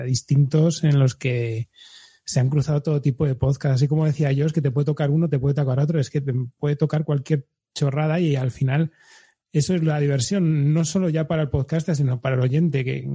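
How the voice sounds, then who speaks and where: Spanish man with a very dark, husky voice. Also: mid-range voice. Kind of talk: casual podcast chat.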